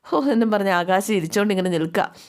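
A woman's voice: mid-range voice, lively intonation, quick pace. Woman storyteller, casual retelling, chatty and conversational, self-correcting. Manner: chatty, conversational, corrects herself mid-telling.

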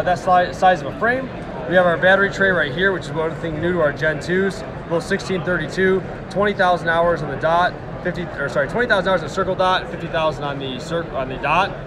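A man in his thirties working a trade show booth, chatting casually and running through a product pitch in a large indoor hall, recorded on the host's handheld phone. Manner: easygoing, product-pitch delivery. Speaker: booth staffer. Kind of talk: product demo and casual chat. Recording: busy trade show crowd behind. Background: crowd chatter.

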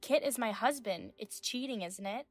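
A woman's voice: fairly high pitch, lively intonation, normal speed, husky, no room sound. A woman in her thirties reading scripted dialogue as a wronged wife, firm and indignant. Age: 30s.

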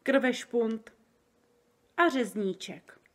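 A woman's voice: a little high, expressive, close to an everyday voice. Woman putting on a friendly giant who jumbles words. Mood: explaining. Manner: slow, wondering, jumbled made-up words. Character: big kind male giant who mangles words.

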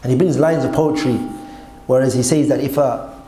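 Seated at a desk in an indoor hall, an Islamic teacher explains a text to a class through a gooseneck desk microphone, his lecture emphatic and conversational, peppered with rhetorical questions to check in on listeners. His medium-pitched voice is steady and dark-toned at a normal speed. The room is echoey, with faint background noise.

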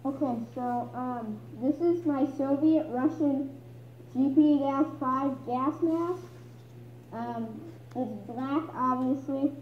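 A woman's voice: high-pitched, slow, a little hiss or hum. A young woman speaking through a gas mask, chatting casually about her collection with lots of ums. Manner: chatty, many um fillers. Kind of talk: casual show-and-tell. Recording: muffled phone-like sound in an echoey room.

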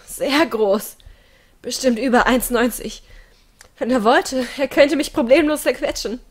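A woman reading a first-person audiobook dramatically and emotionally, swinging from hushed, whispered passages to loud, strained ones. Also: high-pitched, a little slow, breathy edge. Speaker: audiobook reader.

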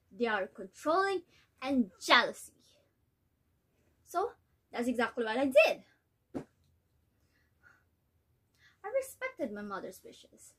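A woman's voice: high-pitched, a bit bright, slightly rough, exaggerated voice. A woman playing an angry, wounded mother in a dramatic monologue, theatrical, indignant and despairing. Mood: defensive, earnest. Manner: theatrical, indignant, despairing, with drawn-out words and cries. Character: exasperated, angry, wounded mother ranting to her husband. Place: small bedroom, indoors. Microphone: camera a few steps away.

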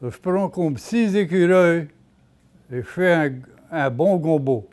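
A man's voice: fairly high pitch, expressive, unhurried, a little mellow. An elderly man with a Cajun Louisiana accent, casually telling stories and explaining his home cooking in plain, folksy short phrases. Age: elderly, 70s or older. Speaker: home cook and storyteller. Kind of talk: casual cooking demonstration and storytelling. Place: home kitchen, indoors. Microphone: lapel microphone. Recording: clearly audible room and kitchen noise.

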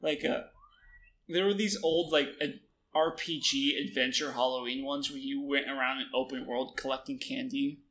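A young man giving relaxed, halting commentary while he plays a game, with plenty of fillers. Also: medium pitch. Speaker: gamer. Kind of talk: casual let's-play commentary.

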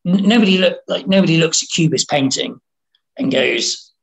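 A man from Wales, a writer and interview guest, talking in a casual, halting way, restarting and repeating words as he thinks. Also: on the high side, expressive, vocal fry, poor audio. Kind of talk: casual conversation.

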